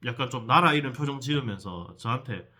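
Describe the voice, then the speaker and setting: A man tells his viewers a heated story, and he swears as he goes. His voice is bright and sharp, and his pitch swings up and down with every turn of the story. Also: animated, a little fast. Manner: heated, profane, addresses viewers directly. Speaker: vlogger telling a personal story. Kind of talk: animated storytelling vlog.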